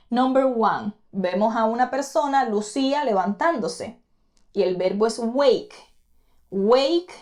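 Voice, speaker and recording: Her voice a little mellow and on the high side, a woman gives an online English pronunciation lesson. Addressing the student directly, she patiently says each word slowly and urges them to repeat it.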